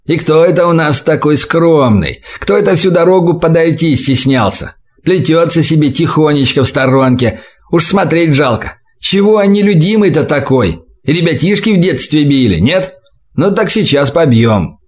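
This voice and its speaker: A man's voice: a little high, animated, normal speed, close to an everyday voice. A man voicing a cruel male hunter with a sneering, menacing manner in an audiobook. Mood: mocking. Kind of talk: audiobook character voice.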